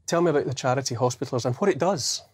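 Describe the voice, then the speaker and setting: A man presenting a broadcast interview in a polished, measured way. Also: medium pitch, slightly rough.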